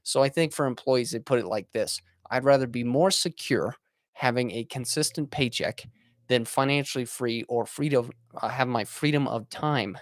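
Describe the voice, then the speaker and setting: Speaking at a moderate pace with a medium pitch, a podcast host in his twenties gives an earnest, casual, motivational monologue. He uses frequent fillers and restarts. The clean studio sound has no room sound.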